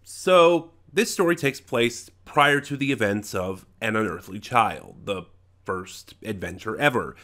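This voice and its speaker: Stuffed up with a head cold, a man gives a casual, unscripted, opinionated review, halting and often rephrasing as he thinks. His voice is mid-range with a fairly bright tone.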